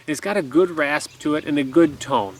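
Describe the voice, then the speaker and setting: A man's voice: on the high side, normal speed. A man in his thirties giving a casual, easygoing instructional talk in an explanatory way. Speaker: duck call instructor. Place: outdoors in a garden by woods. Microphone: camera a few feet away. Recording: outdoor camera audio with background noise.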